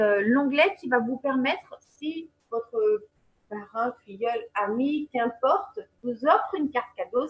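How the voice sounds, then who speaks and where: In a screen-share webinar, a woman with a high-pitched voice walks through a website step by step, chatty and full of fillers and check-ins with her viewers. The audio quality is poor.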